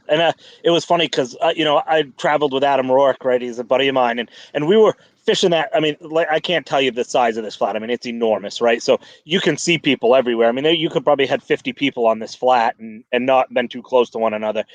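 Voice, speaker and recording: A man's voice: medium pitch, fast, few pauses, dry recording. A man chatting casually on a fishing podcast, rambling with many restarts and fillers. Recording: dull lo-fi dry sound.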